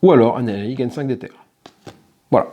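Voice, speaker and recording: Speaking briskly in a mid-range voice, a man who runs a tabletop game channel explains his solo playthrough in a relaxed way, correcting himself slightly as he thinks aloud. The audio has a phone-quality sound.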